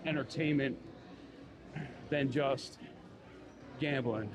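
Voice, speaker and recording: Walking a busy city street, a man with a Philadelphia accent chats casually on a live stream, rambling and leaning on fillers like "you know." His voice is medium-pitched and slow, with background noise around him.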